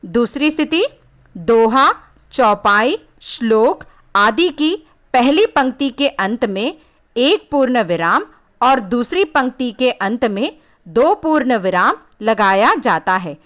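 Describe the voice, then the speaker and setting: A woman hosting her own channel, explaining a grammar lesson in a clear, measured teaching manner and reading out examples. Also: a little high, very animated, fairly bright tone, dry recording, clean studio sound.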